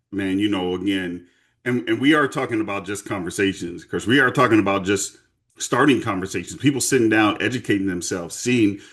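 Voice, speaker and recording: Low-voiced male host, candid and earnest. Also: a bit bright. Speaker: podcast host. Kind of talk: conversational interview.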